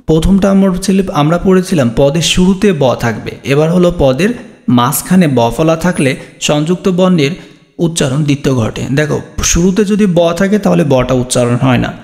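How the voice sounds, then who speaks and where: A man's voice: a little high, a little mellow. A man teaching an exam-prep grammar lesson, explaining step by step and answering his own questions.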